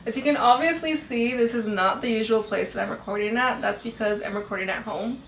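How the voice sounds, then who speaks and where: Chatty and upbeat, a teen girl runs her own podcast, filling her casual talk with fillers and laughs and sounding slightly nasal from congestion. Her voice is a little high, fairly quick, and a bit bright. The echoey home room carries faint ambience and slight background noise.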